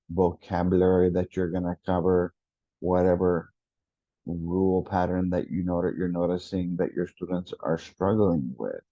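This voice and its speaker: Slow, deep-voiced teacher trainer. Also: male voice, dark tone, dry recording, dull audio. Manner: slow, deliberate, repeats words for emphasis. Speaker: education consultant.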